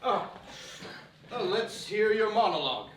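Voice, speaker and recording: A man's voice: high-pitched, expressive, a little slow, background noise. An actor playing a fussy male film studio boss in a live stage sketch comedy, theatrical and stammering when flustered. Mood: bemused. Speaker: studio head narrating the story of his film. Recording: distant stage mic, echoey hall, loud audience laughter.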